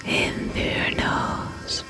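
Loud music plays behind a woman's very slow, breathy whisper as she acts as a spa attendant in an ASMR roleplay centred on personal attention. She sounds gentle, comforting and reassuring.

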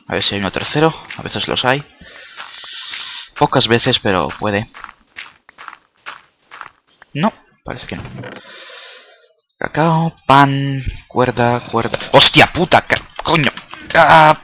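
A non-native Spanish speaker who makes gaming videos jokes and swears his way through casual let's-play commentary, prone to startled outbursts. His pitch is fairly low, his tone sharp, with slight background noise behind him.

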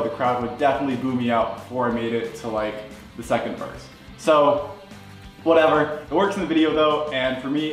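A young man in his twenties, chatting upbeat and self-deprecating in a casual behind-the-scenes vlog. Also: mid-range voice. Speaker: video creator and host. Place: basement set, indoors. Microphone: handheld camera at arm's length and seated interview. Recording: echoey basement room with faint music.

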